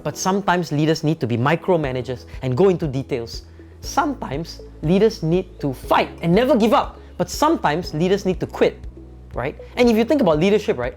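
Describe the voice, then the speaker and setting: A man's voice: fairly high pitch, a little mellow. A man, a company founder giving an emphatic motivational talk on leadership, often adding "right?" tag questions.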